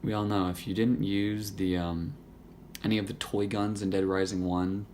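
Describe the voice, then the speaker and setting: A hoarse young man whose voice is nearly gone, chatting casually about a video game in a rambling, profane, joking way. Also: lowish voice, flat delivery, normal speed, darkish tone, slight background noise. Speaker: YouTuber. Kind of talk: casual gaming chat to camera.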